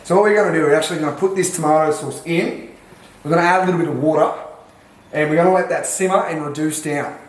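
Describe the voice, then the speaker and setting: A cocky Australian man runs a mock cooking show in his home kitchen, lecturing the viewer and swearing freely. His voice sits a little high for a man. The kitchen sounds roomy and echoey. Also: quick pace. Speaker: home cook vlogger.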